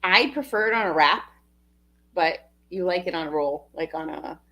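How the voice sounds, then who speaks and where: A woman with a New Jersey accent co-hosting a casual livestream chat, talkative and quick to laugh. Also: on the low side, a bit bright, lo-fi sound. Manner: chatty, laughs often, loses her train of thought. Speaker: co-host.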